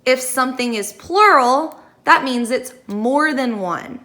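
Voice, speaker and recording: A young woman teaching phonics to first graders, slowly sounding out letters and words and praising the class. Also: high-pitched, expressive, pushed and bright. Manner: encouraging praise. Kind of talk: phonics lesson for young children.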